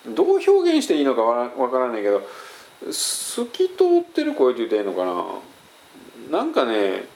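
A man's voice: mid-range voice, wildly swooping pitch, brisk, darkish tone. A man with a Kansai Japanese accent hosts a casual chat and answers listener questions in a rambling, hesitant way full of fillers. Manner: rambling, hesitant, many fillers, mixes in English phrases.

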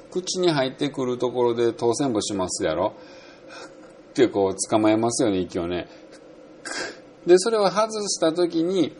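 A man with a Kansai accent talks through a relaxed audio lesson on English pronunciation, acting out sounds as he explains. His voice is gravelly, and his pitch bounces up and down as he talks. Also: slight background noise. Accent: Kansai Japanese. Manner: chatty, explains with spoken sound demos.

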